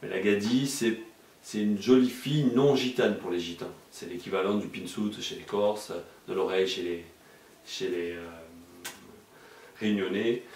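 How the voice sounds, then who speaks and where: Man, journalist guest, hesitant with many fillers, deep voice, far from the mic. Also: moderate pace, darkish tone, a little hiss or hum. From Marseille, France. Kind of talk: casual explanatory interview talk. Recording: echoey room, mic far off.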